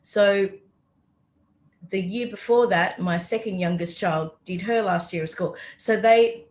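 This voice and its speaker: A middle-aged woman hosts a podcast interview. She talks in a relaxed, chatty way, reflective and ready to laugh at herself. Her pitch sits in an ordinary middle range. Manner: chatty, self-deprecating, reflective. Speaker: podcast host. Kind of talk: casual interview chat.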